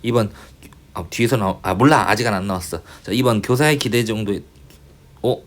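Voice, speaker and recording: In a casual online lecture, a man with a lowish voice tutors English, thinking aloud, muttering mild swears, and reading English lines slowly.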